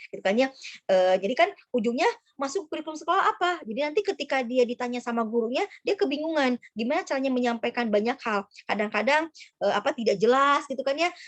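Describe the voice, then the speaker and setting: A woman's voice: a little high, no room sound. A woman, a school psychologist giving an informal parenting talk to mothers over a video call, with many fillers and restarts.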